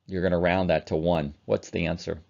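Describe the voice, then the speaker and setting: A chemistry instructor, male, chats informally through an online lecture as he does problems on a calculator. He speaks fairly quickly in a deep, darkish voice with vocal fry and little pitch movement. The recording is dull and lo-fi.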